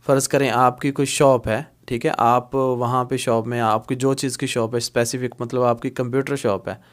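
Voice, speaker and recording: A man's voice: mid-range voice, little pitch movement, normal speed. A man teaching Arabic phrases in an online lesson, explaining patiently and repeating each word several times, with English glosses mixed in. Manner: switches between Hindi-Urdu explanation and English glosses.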